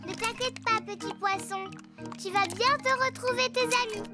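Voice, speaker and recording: A woman's voice: extremely high pitch, moderate pace. A woman voicing a cheerful, eager little girl piglet in a children's cartoon, childlike and exclamatory. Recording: loud music behind.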